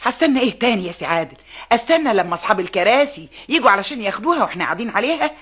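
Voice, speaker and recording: A woman's voice: a little high, very animated, racing, a bit bright, breathy edge, exaggerated voice. A sarcastic, touchy Egyptian mother. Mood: exasperated. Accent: Egyptian Arabic. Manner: sarcastic, indignant. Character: proud, touchy middle-aged mother of a suitor. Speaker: suitor's mother. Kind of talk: classic film acting.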